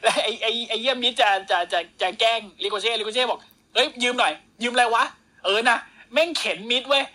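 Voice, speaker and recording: A woman co-hosting a wrestling podcast, rattling off a match recap at a quick clip. Her voice sits a little high, and she is loose and profane, jumping into the wrestlers' lines as she tells the story. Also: pushed and bright. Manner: fast, crude slang-filled storytelling, acting out wrestlers' lines. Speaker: podcast co-host. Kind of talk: casual wrestling recap chat.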